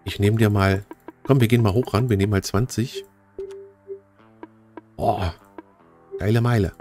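A man giving chatty, casual commentary while playing a game, talking straight to his viewers and getting easily excited. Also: on the low side, unhurried, soft background music. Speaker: let's play host.

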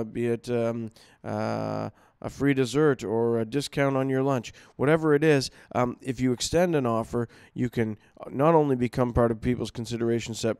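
A man presents a marketing webinar in a relaxed, unscripted way. His voice is smooth and resonant at an ordinary middle pitch. The sound is close and dry, with no room to it. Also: no echo. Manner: conversational, many fillers and restarts.

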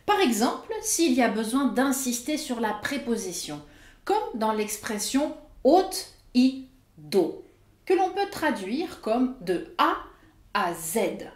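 A woman's voice: on the high side, sing-song, roomy sound. A woman teaching pronunciation, explaining each rule and carefully sounding out example words. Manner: slow, careful over-articulation of example words. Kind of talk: explanatory lesson.

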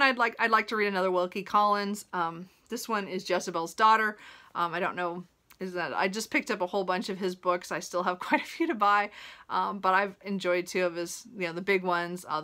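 This woman's voice sits fairly low yet sounds pushed and bright. A book vlogger in her thirties, she chats to camera about a reading list from a small room indoors at home. She tends to ramble, keeps interrupting herself, and laughs softly as she talks.

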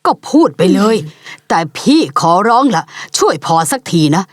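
A woman's voice: on the high side, sing-song, normal speed, no echo. A woman voicing the firm, caring head of a household in a dubbed TV drama, speaking in a weary, commanding tone. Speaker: dub actor.

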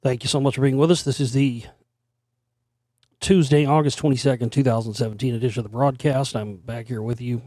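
A middle-aged radio show host rambles through a casual solo talk show monologue, his voice hoarse and only half recovered after straining it. He speaks fairly quickly at a medium pitch with fairly even intonation, his tone dark and mellow, in a conversational style full of fillers and mild swearing. The sound is dry and close, with no room or echo around it.

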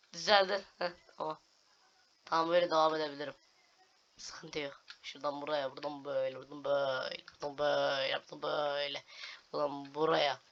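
Talking fast in a flat, slightly high and bright voice, a young gaming video host narrates his moves for viewers and swears at glitches. It's casual commentary captured in a dull lo-fi home recording with noticeable noise.

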